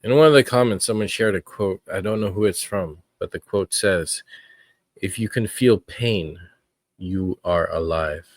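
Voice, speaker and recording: A man hosting his own podcast, talking in an earnest, reflective way with frequent pauses. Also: low-pitched, no echo. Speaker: podcast host. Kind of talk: casual podcast commentary.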